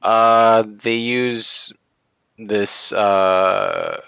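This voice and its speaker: Slow, low-voiced man chatting hesitantly. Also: fairly even intonation, vocal fry, fairly bright tone, clean tone, dry recording. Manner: hesitant, many ums and likes. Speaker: podcast host. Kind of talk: casual chat.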